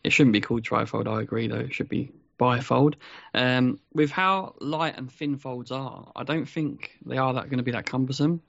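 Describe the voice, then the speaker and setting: A man chatting as a podcast co-host, measured and pausing with ums. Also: medium pitch, fairly even intonation, vocal fry, a bit bright, dry recording. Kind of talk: casual chat. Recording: dry, slightly muffled.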